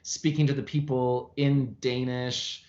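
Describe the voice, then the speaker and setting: Man, actor guest, animated storyteller, mid-pitched, chatty, lo-fi video call audio. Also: takes it slowly. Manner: frequent fillers and restarts, chatty. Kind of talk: casual interview over video call. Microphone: video call from home.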